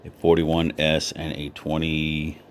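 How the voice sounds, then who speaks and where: A man's voice: extremely low pitch, monotone, a little slow, a little hiss or hum. A man chatting casually in a hobby vlog as he sorts coins and reads off their dates one after another. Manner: easygoing, talks while sorting, lists coin dates. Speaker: coin collector vlogger.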